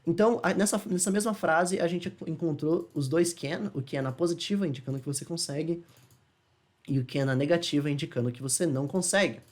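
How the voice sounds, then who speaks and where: A man with a Brazilian Portuguese accent runs a friendly English lesson. He speaks in a loose, chatty way, slowing down to demonstrate short English phrases and tossing in quick checking questions. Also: a little high. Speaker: English teacher. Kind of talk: casual explanatory lesson.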